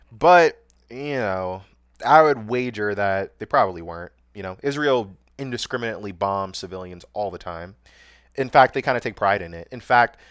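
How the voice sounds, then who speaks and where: A young man talking on a livestream with a somewhat low, smooth voice, recorded close and dry. He reacts to news clips in loose, sarcastic slang and laughs at his own jokes. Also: a bit bright, dry recording. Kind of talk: casual streamer commentary.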